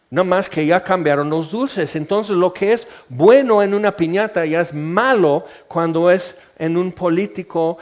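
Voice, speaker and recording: Preacher, high-ish voice, conversational sermon. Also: male voice. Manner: conversational, humorous, acts out everyday scenes. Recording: muffled lo-fi recording.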